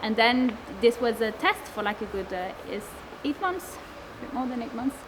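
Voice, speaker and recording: In a slightly high, animated voice at a moderate pace, a woman in her twenties answers questions about the food waste network she founded. She is from Lebanon and France, speaks casually with many fillers and restarts, and the recording has a noisy background.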